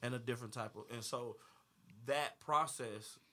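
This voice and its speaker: In a panel interview conversation, a man in his thirties or forties who sings gospel and R&B rambles, restarts often, repeats words and laughs readily. He has a mid-range voice with a fairly bright tone and a moderate pace.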